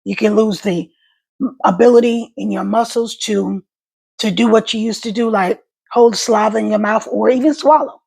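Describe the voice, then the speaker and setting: A woman talks casually and directly to her online viewers. Her voice is husky and full of fry, with a wet gargle to it as she speaks. Her speech is a little halting, with small stutters. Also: medium pitch, fairly even intonation, darkish tone, poor audio. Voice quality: gravelly, husky. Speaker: vlogger and stroke survivor. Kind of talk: casual personal vlog to viewers.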